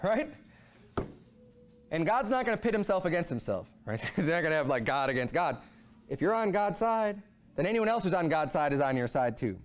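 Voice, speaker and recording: A man in his thirties, a pastor, speaks briskly in a voice on the high side while preaching at a pulpit in a church sanctuary. Animated throughout, his voice keeps rising and falling as he drives home his points.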